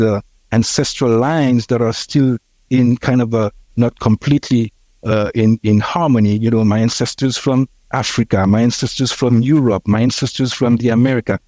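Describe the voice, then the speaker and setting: A Haitian man in his sixties, a podcast guest, telling his life story in a reflective, halting way with many fillers and restarts. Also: medium pitch, darkish tone, no echo. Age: 60s.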